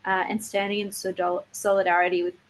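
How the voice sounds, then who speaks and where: A woman speaking as a campaigner, giving an earnest, measured and informal presentation on an online call. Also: mid-range voice, level tone. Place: online video webinar. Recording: noticeable faint background noise, online call.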